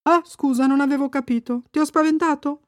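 A woman voicing an elderly man in a story, gruff at first and then kind. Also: high voice, fairly even intonation, a little fast, no echo, studio quality, voice pushed up, lightly acted. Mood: kindly. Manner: shouting then kindly. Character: gruff old man, quick to apologize.

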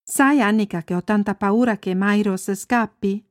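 A woman voicing a gentle, worried mother who explains things calmly in a story. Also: medium pitch, a little slow, no echo, clean studio sound, close to an everyday voice. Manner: calm, careful explaining.

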